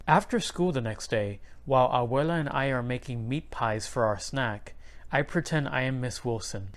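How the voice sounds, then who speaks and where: A man with a medium-pitched voice reads a children's picture book aloud at a normal speed, giving clear, expressive storybook narration.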